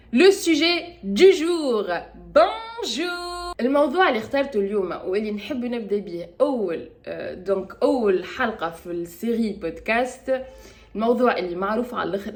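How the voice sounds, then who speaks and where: A woman's voice: mid-range voice, darkish tone. A Tunisian woman with a Tunisian accent, chatting casually and spontaneously in a podcast vlog, hesitating often and mixing French with Tunisian Arabic. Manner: switches freely between French and Tunisian Arabic. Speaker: podcast vlogger. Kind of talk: casual chat.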